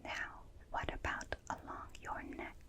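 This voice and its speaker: A woman performs a lightly acted ASMR personal-attention roleplay as a gentle, inquisitive alien, whispering softly and breathily into a close binaural mic. Her phrasing is slow, calming, repetitive and clinical, delivered in a clipped, detached way.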